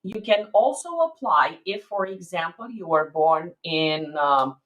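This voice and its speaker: A woman's voice: lowish voice, animated, a little slow, a bit bright, muffled recording. Woman attorney answering live questions. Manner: explanatory, peppered with "okay?". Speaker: immigration attorney. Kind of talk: live Q&A stream.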